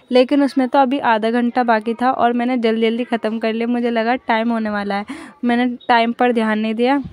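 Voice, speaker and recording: A woman's voice: fairly high pitch, darkish tone. Chatty young woman narrating a vlog. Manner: chatty, rambling, often starts with "so guys". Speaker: vlogger. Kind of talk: casual voice-over narration of a daily vlog.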